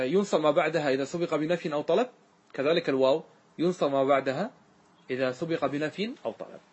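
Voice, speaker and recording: A man's voice: on the high side, slightly rough. A man, a sheikh giving a classroom grammar lesson, explaining step by step, repeating examples and quizzing his students.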